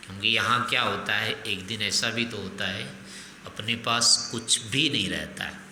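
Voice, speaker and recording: Older guy teaching spiritual stuff real slow, lots of questions back to the crowd, echoey hall w faint hiss. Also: fairly low pitch, pushed and bright. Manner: reasoning with rhetorical questions.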